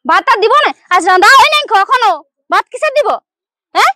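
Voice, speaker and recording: A sulky young daughter-in-law with a Purulia Bengali accent complains and refuses, played by an actress. Her voice is very high and bright, and she talks in a rapid rush. The recording is dry and close. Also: lively intonation, no room sound, exaggerated voice. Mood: complaining. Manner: whiny, complaining, defiant. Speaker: actor in a village drama.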